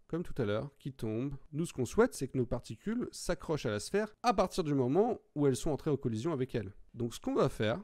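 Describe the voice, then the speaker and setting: A man giving a screen-recorded software tutorial, explaining step by step in a conversational way and addressing viewers directly. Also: mid-range voice.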